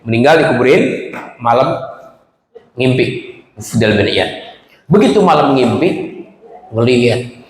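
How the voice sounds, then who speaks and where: A man preaching a sermon, telling a story dramatically with big swings in pitch. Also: lively intonation, a little slow, long pauses, slight background noise. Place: prayer gathering hall. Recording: echoey hall with long reverb.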